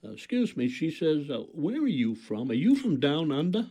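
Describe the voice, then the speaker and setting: A man's voice: on the high side, sing-song, moderate pace, mellow. A man with a Maine accent, a former game warden, telling folksy stories as a radio guest and laughing at his own tales. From Maine, USA. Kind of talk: storytelling on a radio talk show.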